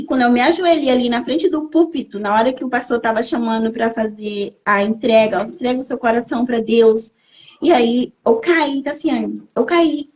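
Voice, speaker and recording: A woman's voice: high-pitched, darkish tone. A woman in her thirties from Brazil, a podcast guest telling her life story as an emotional testimony and repeating phrases for emphasis. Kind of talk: personal testimony in a podcast interview.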